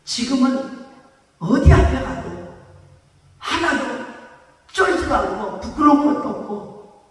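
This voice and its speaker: Older female pastor, emphatic call-and-response sermon style, very high pitch, recorded in a cavernous echoing sanctuary. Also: expressive, slow. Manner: emphatic, conversational, rising to shouts; engages congregation in call-and-response. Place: church sanctuary. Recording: echoey church hall, voice from far off.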